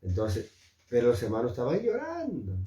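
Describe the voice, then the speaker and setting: A man preaching a devotional Bible lesson, lively, repeating his phrases and adding questioning tags. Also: medium pitch, moderate pace, far from the mic. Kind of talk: morning devotional Bible teaching. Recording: echoey room, voice set back from the mic.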